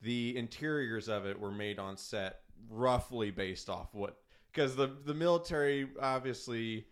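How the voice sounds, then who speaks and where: A man's voice: medium pitch, measured pace, clean tone. A young man hosting a casual chat show, talking enthusiastically and rambling. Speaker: podcast host.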